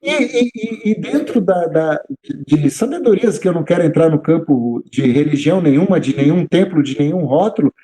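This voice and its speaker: A man, a teacher guest telling stories in conversation, animated and acting out dialogue with restarts. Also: fairly high pitch, normal speed. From southern Brazil. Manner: animated, acts out quoted dialogue, repeats words when restarting. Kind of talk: conversational storytelling.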